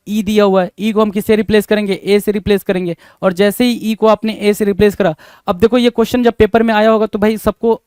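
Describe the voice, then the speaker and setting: Male tutor, high and clear voice, dry close sound; spells out words slowly, keeps asking the class for the answer. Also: darkish tone, no echo. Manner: spells words letter by letter, repeats questions to students. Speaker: teacher. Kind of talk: exam spelling lesson.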